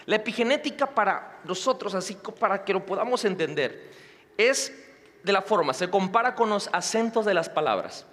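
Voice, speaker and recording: A male pastor preaching with a high voice and dramatic swings between loud passages and hushed ones. The sermon rings out in a church hall, and a long reverb trails after every phrase. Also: animated, moderate pace.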